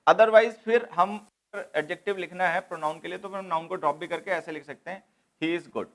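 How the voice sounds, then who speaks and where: ऊँची आवाज़ वाला व्याकरण शिक्षक. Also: male voice, high voice, normal speed. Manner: explains step by step, repeats key points, mixes English terms into Hindi. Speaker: English grammar teacher. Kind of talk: classroom lecture.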